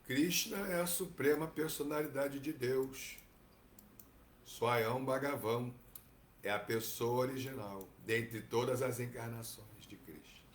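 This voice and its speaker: A man with a Brazilian Portuguese accent teaching from scripture, relaxed and digressive, often adding tag questions. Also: mid-range voice, slow pace, reverberant, slight background noise. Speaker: Bhagavatam teacher. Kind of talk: reading and commentary on scripture.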